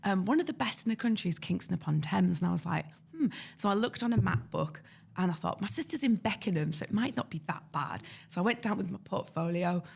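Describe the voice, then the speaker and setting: A woman's voice: fairly low pitch, fast, vocal fry, slightly rough. A woman from North East England with a North East English accent, a guest illustrator telling stories in a casual interview and acting out the voices of people she quotes. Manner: lively, acts out quoted voices.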